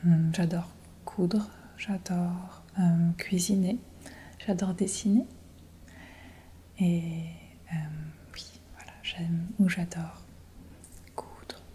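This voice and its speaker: Whispering woman teaching, slow and mellow. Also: lowish voice, fairly even intonation, a little hiss or hum. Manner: whispered ASMR teaching, repeating phrases slowly; soft giggles between phrases. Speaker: French teacher. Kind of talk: whispered role-play. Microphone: close binaural mic.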